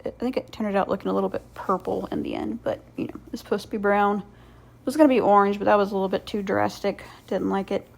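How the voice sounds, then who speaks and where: A woman hosts a craft video with a creaky, fry-edged voice at an ordinary female pitch. Her commentary is casual and rambling, dryly sarcastic in a playful way and quick to mock herself. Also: steady tone, low-quality recording. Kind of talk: casual voice-over commentary on painting.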